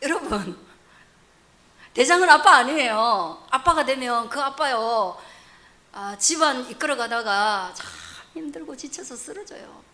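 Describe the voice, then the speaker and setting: A woman pastor preaching a sermon, asking rhetorical questions, rising loud and dropping to soft asides. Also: high voice, animated, measured pace.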